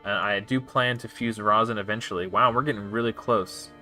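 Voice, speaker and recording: A man's voice: on the low side, a little fast, bright, forceful tone. Casual rambling man over game music. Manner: casual and rambling, with frequent restarts and self-corrections. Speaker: game streamer. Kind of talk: live gameplay commentary.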